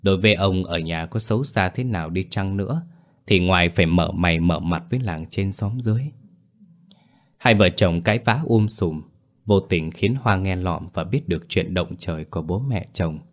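A man's voice: low-pitched, normal speed. A man narrating a scripted horror story in a grave, dramatic way.

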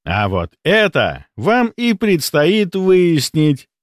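A man voicing a smug, scheming middle-aged hospital chief who talks in a theatrical, mock-friendly, drawn-out way. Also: on the high side, big pitch swings, no room sound, studio quality, pitched above the performer's own voice.

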